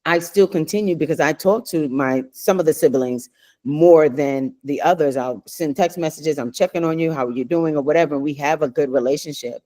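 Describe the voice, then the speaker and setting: A woman's voice: low voice, a little fast, warm tone. Middle-aged woman, earnest rambling storyteller on a chat show. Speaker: co-host. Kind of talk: casual chat.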